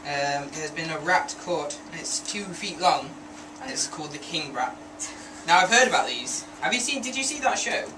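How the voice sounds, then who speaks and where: A man's voice: on the high side, animated, moderate pace. Chatty man hosting radio, echoey. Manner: chatty, rambling, jokey. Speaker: radio show host. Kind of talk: casual studio banter. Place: small community radio studio. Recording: echoey room, distant mic, background noise.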